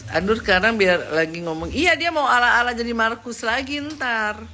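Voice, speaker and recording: Animated, mocking Indonesian woman. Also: moderate pace. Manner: mocking, laughs often, mimics others in a squeaky voice. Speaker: live-stream commentator. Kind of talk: gossipy live-stream chat.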